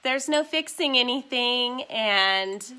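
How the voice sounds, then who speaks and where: A woman in her forties hosts a casual live stream from her phone at home. Her voice is bright and a bit high, with a stuffy, nasal tone from a sinus cold. She chats warmly with viewers, filling the gaps with ums and apologies as she reads comments. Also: slow. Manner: chatty, apologetic, many ums and so's. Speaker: vintage shop owner hosting a live stream.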